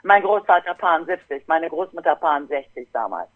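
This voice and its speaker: Woman, podcast guest, lively storyteller, acts out relatives, tinny phone-like sound. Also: sits low, normal speed. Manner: lively anecdotal, voices her relatives. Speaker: guest DJ and producer.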